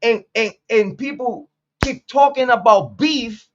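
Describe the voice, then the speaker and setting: A blunt, profane man in his late forties from Puerto Rico hosts a street commentary monologue. His voice sits high for a man, and he hammers points home by repeating them. The sound is dull and lo-fi. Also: takes it slowly, a bit bright, a little hiss or hum. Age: 40s. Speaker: commentary channel host.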